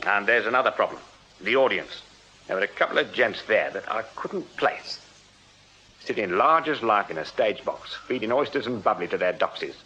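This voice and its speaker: A dogged Victorian police sergeant with an English accent. His voice is fairly low and sharp-edged, polite to his betters yet shrewd and probing. It is radio drama acting, heard through a slightly dull recording with faint noise. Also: lively intonation. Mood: matter-of-fact. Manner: deferential, measured questioning.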